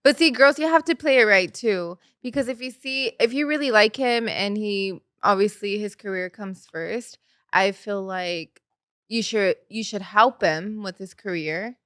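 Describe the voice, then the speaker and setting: A woman's voice: medium pitch, a little slow, a bit bright, no room sound, studio quality. A woman co-hosting a podcast in casual chat, outspoken, swearing and laughing often. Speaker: podcast co-host.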